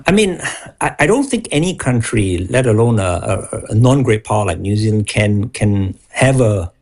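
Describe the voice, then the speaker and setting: A man who grew up in Singapore, speaking as an expert guest in a measured, analytical way. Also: lowish voice, lively intonation, gravelly, darkish tone. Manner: measured, analytical, restarts on words. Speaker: guest expert on foreign policy. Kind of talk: broadcast interview.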